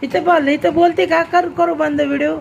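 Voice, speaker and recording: High-voiced woman with a gravelly edge, filming at home and teasing with questions. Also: fairly even intonation, moderate pace, lo-fi sound, very noisy. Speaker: mother filming a home vlog. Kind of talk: casual home video chat.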